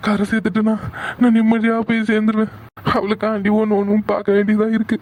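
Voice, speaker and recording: A broken middle-aged father pleads wearily in a cartoon, as a man voices him. The voice sits high and stays flat. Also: fast, lightly acted. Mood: despairing. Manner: weary, pleading.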